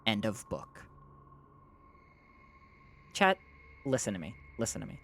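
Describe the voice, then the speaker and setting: Streamer, live book reading, animated pitch, snaps back at chat, reads narration low and slow. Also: gravelly, slight background noise. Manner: argues back at chat in exasperated bursts.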